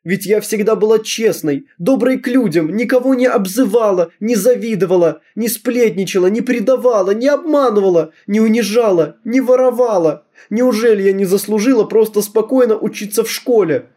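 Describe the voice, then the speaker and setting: A man voicing a tearful teenage schoolgirl who pleads desperately in a high, strained voice. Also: a little fast, few pauses, warm tone. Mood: sobbing prayer.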